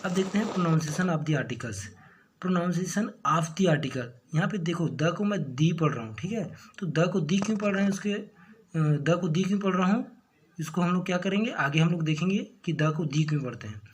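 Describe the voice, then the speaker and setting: Slow, explaining male teacher. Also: high voice, slight background noise. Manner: asks rhetorical questions then answers, checks with "okay". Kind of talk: classroom-style grammar lesson.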